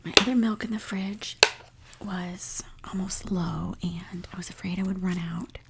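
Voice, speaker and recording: A woman speaking in a soft, whispery ASMR voice, chatting casually and telling a story while she eats at home. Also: fairly low pitch, fairly even intonation, creaky, background noise. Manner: whispery, soft and unhurried, with frequent small laughs. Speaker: ASMR creator. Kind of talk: soft-spoken ASMR mukbang.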